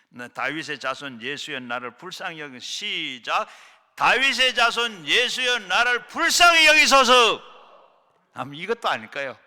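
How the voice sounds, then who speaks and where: At a prayer retreat hall, a middle-aged male pastor delivers a fervent sermon. His voice swings between loud shouts and hushed, low lines.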